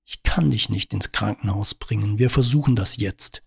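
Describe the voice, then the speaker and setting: A man reading the lines of a blunt, flustered man in a spoken story, in his own gravelly, husky voice. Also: lowish voice, moderate pace, exaggerated voice. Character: clumsy panicked man fixing a blunder.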